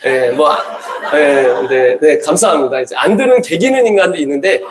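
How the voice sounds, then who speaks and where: A man's voice: on the high side, animated, moderate pace. Joking missionary man in an echoey hall. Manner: joking, quizzes the audience, switches into English. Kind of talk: humorous church talk to a crowd.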